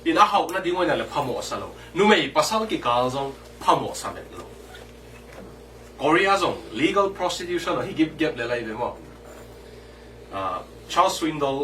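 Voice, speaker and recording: Bright-voiced male preacher heard from afar. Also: a little high, animated, measured pace. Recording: distant mic with faint background noise.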